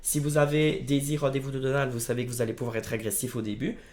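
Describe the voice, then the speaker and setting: A man with a hoarse, strained voice after a throat infection, giving casual, familiar commentary for a card game video. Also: mid-range voice, little pitch movement, fast talker, darkish tone. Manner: familiar, informal address to viewers. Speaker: video creator presenting card game decks.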